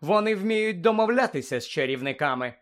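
A man's voice: high-pitched, expressive, a little fast, fairly bright tone, pitched above the performer's own voice. A man reading aloud voicing a clever, bossy teenage schoolgirl who lectures her friends. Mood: earnest. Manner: earnest, lecturing. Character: fussy clever teenage girl student, bossy.

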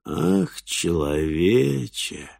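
A man voicing a wild talking boar that struggles for words, with a low, monotone, nasal drawl and a very slow pace. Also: gravelly, no echo, clean studio sound, full character voice. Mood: droning. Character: wild boar that speaks haltingly, strange and slow.

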